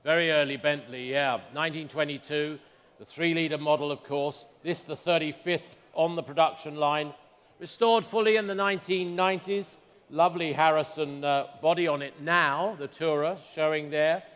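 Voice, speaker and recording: A man's voice: on the high side, fairly even intonation, normal speed, fairly bright tone. A man working as a fine art auctioneer, calling bids to a saleroom and repeating figures in clipped phrases. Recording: reverberant large hall.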